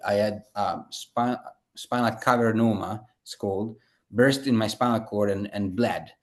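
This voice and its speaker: A man's voice: on the low side, a little slow. A man, a guest telling his story in a casual interview, rambling with many fillers and restarts. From Italy. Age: 30s.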